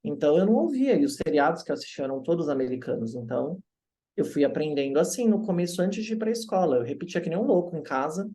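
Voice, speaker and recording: Speaking quickly in a somewhat high voice, a Brazilian English teacher shares stories in a relaxed interview. He's animated throughout, mimicking the voices of the people he quotes.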